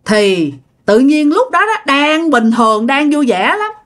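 Woman storyteller, Southern Vietnamese accent, high voice, chatty, casual ghost story. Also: very animated, fairly bright tone. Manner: chatty, filler-heavy, dramatic pauses.

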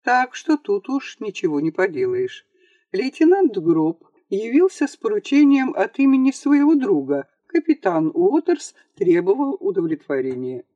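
An audiobook reader telling a comic story with a wry, theatrical touch. The pitch rises and falls a lot, and the dry home-studio voice-over has almost no echo. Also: very animated, unhurried, warm tone, dull audio. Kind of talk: scripted narration of a comic story.

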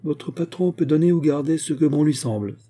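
A man voicing a bitter, ragged vagabond who speaks curtly and defiantly in a dark, husky voice. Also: a little high, brisk, pitched above the performer's own voice, natural voice. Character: bitter, ragged male vagabond, hard and resolute.

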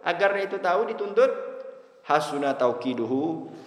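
A man giving a classroom lecture on Arabic rhetoric who keeps asking his students whether they understand, mixing Arabic terms into his explanations with lively swings in pitch. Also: normal speed. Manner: lively, wide pitch swings between emphatic high lines and low asides. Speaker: religious teacher. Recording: echoey hall reverb.

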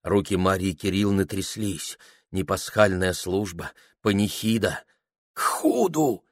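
A man reading a literary novel aloud in a measured, dramatic manner. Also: deep voice, fairly even intonation, no echo, studio quality. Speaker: audiobook reader. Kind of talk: scripted literary narration.

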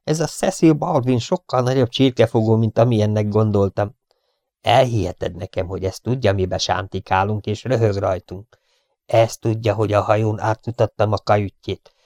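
A man voicing an angry, scheming gentleman villain in an audiobook, snapping with contempt at his servant. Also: on the low side, fairly even intonation, dry recording, clean studio sound, lightly acted. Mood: irritated.

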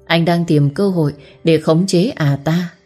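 Low-voiced woman narrating a dramatic story. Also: unhurried, dark tone, husky, soft background music.

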